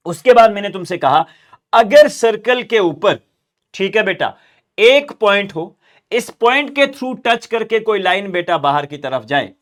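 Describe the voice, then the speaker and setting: A man's voice: sits high, sing-song, a little slow. A man with a Kashmiri accent teaching maths in a classroom lecture, calling students "beta" and repeating key terms. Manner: calls students "beta", asks and answers his own questions, repeats key terms.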